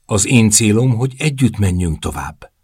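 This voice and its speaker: A man voicing a gentle, wistful young woman in love, with a soft, dreamy and pleading manner, in an audiobook reading. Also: on the low side, animated, slightly rough, no echo, clean studio sound. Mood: tender, wistful.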